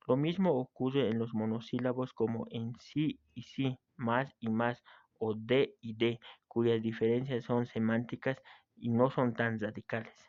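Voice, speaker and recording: A man's voice: mid-range voice, a little mellow, no room sound. Man reading a grammar lesson. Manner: reads steadily from a text, with small slips and restarts. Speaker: teacher. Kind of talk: read-aloud grammar lesson. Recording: dry, slightly dull home recording.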